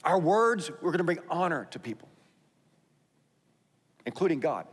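A pastor with a Texas accent preaches in a fairly high, husky voice, very animated yet at normal speed. Conversational and emphatic, he reads scripture aloud between his own remarks. The sound rings with the long reverb of a large hall.

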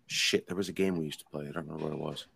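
A man's voice: a bass voice, fairly even intonation, rapid-fire, creaky, fairly bright tone, husky. A man in his thirties co-hosting a casual podcast, rambling and swearing as he tells stories. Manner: rambling, profane, laid-back storytelling. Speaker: podcast co-host. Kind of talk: casual chat.

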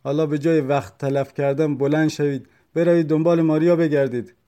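A man voicing a desperate, grieving brother who shouts and pleads with police. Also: on the high side, steady tone, close to an everyday voice. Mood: pleading angry.

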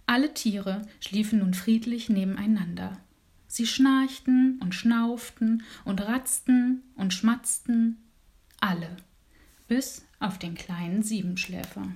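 A woman reading a bedtime story aloud, soft and hushed, often sinking to a whisper. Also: mid-range voice, takes it slowly.

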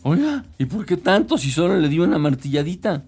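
A man's voice: lowish voice, very animated, brisk, gravelly, a little mellow, faint music behind. A man voicing a desperate male customer who needs his watch fixed, pleading and incredulous.

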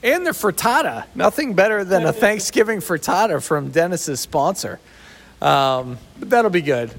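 A podcast co-host with a high, creaky, fairly bright voice speaks expressively at a moderate pace. He's easygoing in the teasing, casual conversation and chuckles often. His sound carries the big, echoey reverb of a sheltered outdoor spot.

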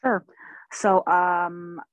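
A woman in her forties from Oklahoma, talking softly and thoughtfully as a podcast guest, with many pauses and laughs. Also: on the low side, fairly even intonation, no room sound, rough recording. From United States (Oklahoma). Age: 40s. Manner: soft-spoken, laughs often, thoughtful with many ums. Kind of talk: casual interview.

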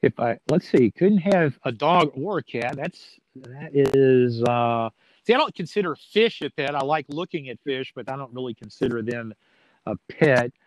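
A sports play-by-play announcer appears as an interview guest, talking casually in a folksy, plain-spoken way with a joking streak. His medium-pitched voice is animated and moves at a normal speed. The audio sounds dull.

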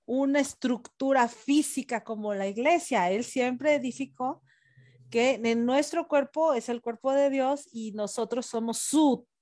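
A woman explains spiritual ideas in a relaxed podcast chat. Her voice sits a little high. She teaches in a playful way and slips in light asides. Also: unhurried. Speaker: podcast co-host.

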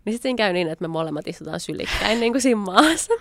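This dry recording captures a young woman's mid-range, animated voice with vocal fry. She's telling a casual story about something that happened to her, voicing her own earlier remarks in quoted asides.

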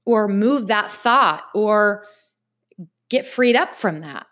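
A woman giving a casual motivational talk to her viewers, chatty and animated, repeating phrases for emphasis. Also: mid-range voice, slow pace. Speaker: vlogger.

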